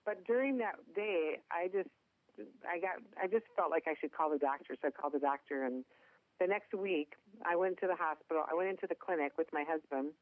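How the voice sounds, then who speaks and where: A woman's voice: fairly low pitch, fairly quick, no room sound. A middle-aged woman from Minnesota with a Minnesota accent, telling her story as a chatty guest with self-deprecating humor. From Minnesota, USA. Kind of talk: phone interview storytelling. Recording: tinny phone line, dry.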